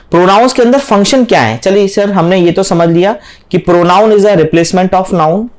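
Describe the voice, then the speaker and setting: Man, high voice, grammar teacher, steady step-by-step explanation, young adult. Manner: explains step by step, often checking with "thik hai"; mixes English terms into Hindi explanation. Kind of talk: classroom lecture.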